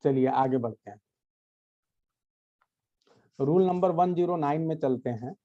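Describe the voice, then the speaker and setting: A man's voice: fairly high pitch, a little slow, muffled recording. A man teaching English grammar to his students, explaining patiently, checking understanding often and addressing them directly. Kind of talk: explanatory lecture to a class.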